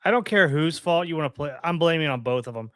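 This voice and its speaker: A man's voice: on the high side, animated, fast talker, a bit bright, no echo. A man co-hosting a sports podcast, frustrated and swearing, repeating his points for emphasis. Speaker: podcast co-host. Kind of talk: casual sports rant.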